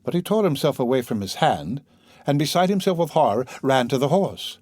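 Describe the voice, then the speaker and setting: Expressive male audiobook narrator. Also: medium pitch, brisk, no echo, clean studio sound. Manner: expressive, dramatic reading. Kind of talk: scripted narration of a classic novel.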